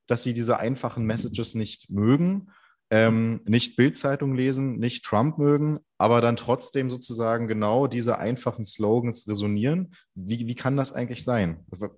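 A man's voice: medium pitch, a little mellow. A man hosting an interview, mostly giving short affirmations and then asking a long question with "ähm" fillers. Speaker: interview host. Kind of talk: conversational interview.

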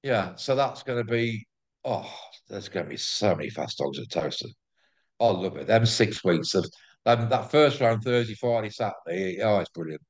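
A man's voice: fairly low pitch, lively intonation, normal speed. A man with an English accent talking casually and effusively as an interview guest, often repeating words and phrases. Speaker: interview guest, greyhound track promoter. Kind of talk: casual enthusiastic chat.

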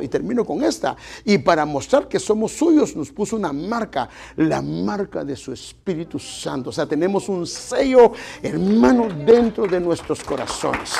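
A man's voice: high voice, gravelly, mellow, husky. A middle-aged man, preaching a folksy sermon to his congregation and addressing them as brothers. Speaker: pastor.

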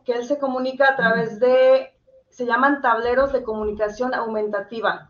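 A high-voiced woman, appearing as an interview guest and campaigner, explains things step by step in a conversational manner. She addresses the host directly, and the audio is slightly dull and lo-fi.

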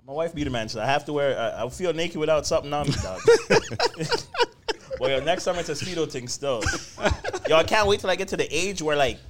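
A man's voice: a little high, animated, quick pace. A man with a Toronto accent co-hosting a podcast, joking in heavy slang and repeating himself. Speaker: podcast co-host. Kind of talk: casual slangy banter. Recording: clearly noisy background.

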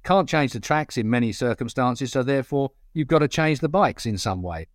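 A man's voice: mid-range voice, animated, moderate pace, no echo. Opinionated Essex man, close dry sound. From Essex, England. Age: middle-aged or older. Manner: blunt, colloquial, emphatic. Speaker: motorcycle racing pundit. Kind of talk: opinionated casual panel talk.

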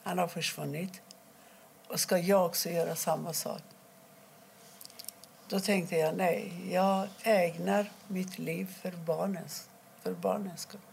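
A middle-aged woman from Iran, telling her own story in an interview, quietly and haltingly, with many pauses. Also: fairly low pitch, steady tone, creaky, slight background noise. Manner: halting, quiet and emotional, pausing often. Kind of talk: personal testimony interview.

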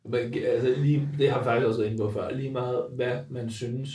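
A man's voice: mid-range voice, level tone, warm tone, recorded from a distance. A young man giving his opinions in casual conversation, recorded roomy and off the microphone.

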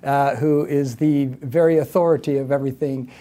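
A man's voice: medium pitch, fairly even intonation, normal speed, warm tone. A man speaking as a guest on a podcast in a polite, gracious way.

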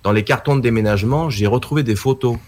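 A middle-aged man, appearing as a guest documentary maker, speaks fast at a medium pitch. He tells a story casually and with animation, acting out the voices of the people in it.

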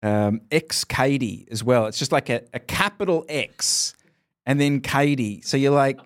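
A man's voice: medium pitch, a little slow. A man co-hosting a cycling podcast, rambling enthusiastically in casual chat. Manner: rambling, lots of "like" fillers and restarts, enthusiastic. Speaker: podcast co-host.

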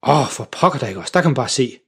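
Man doing a goofy clueless dad, kinda husky, storybook. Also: mid-range voice, expressive. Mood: bumbling. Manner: loud, bumbling.

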